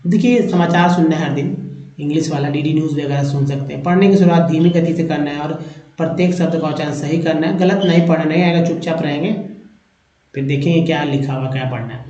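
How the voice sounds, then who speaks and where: A man's voice: a little high, mellow. Man teaching English words, echoey lo-fi. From India. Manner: repeats words slowly while writing on a board. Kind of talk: casual spoken lesson. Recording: echoey room, dull lo-fi sound.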